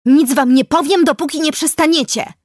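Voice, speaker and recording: A woman voicing a defiant sixteen-year-old witch girl who shouts in a high, shrill, slow and emphatic voice. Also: no room sound, clean studio sound, lightly acted.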